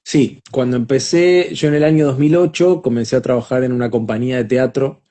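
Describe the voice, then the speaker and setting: A man in a relaxed interview, thinking aloud as he answers. His voice sits at an ordinary middle pitch, and he keeps circling back on his words with small restarts before going on. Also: a little fast. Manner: reflective, many small restarts. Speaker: voice actor guest. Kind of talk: casual interview.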